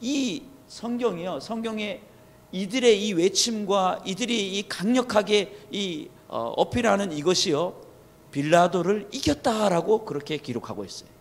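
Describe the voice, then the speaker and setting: A man's voice: high-pitched, lively intonation, a little slow. A man preaching an early-morning sermon as pastor, retelling a story with quoted lines. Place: church sanctuary. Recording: long hall reverb.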